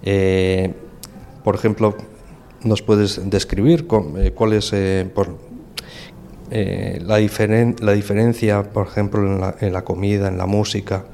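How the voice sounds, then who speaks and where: A man with a low voice interviews a language learner in a patient, teacherly way. He hesitates with fillers and stops to explain simple words. A faint hiss sits behind him. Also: little pitch movement, a little slow, gravelly, mellow.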